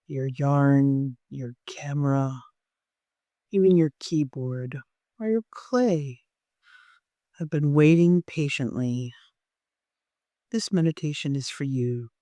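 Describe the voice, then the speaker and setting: A meditation guide whose sex is unclear leads a guided meditation, speaking gently and softly at an unhurried pace with long pauses. The voice is mid-range, with no echo.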